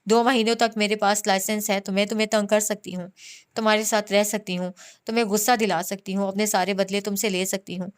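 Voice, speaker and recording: A woman's voice: mid-range voice, little pitch movement, fairly quick, clear, resonant tone, close to an everyday voice. A woman reading as a teasing, stubborn young woman. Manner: taunting, mischievous.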